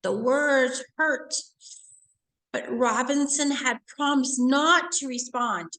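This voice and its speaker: Slow and high-pitched, with a slightly bright quality, a female teacher reads to children and breaks off for questions and explanations. It's an instructive read-aloud lesson, captured on a rough recording.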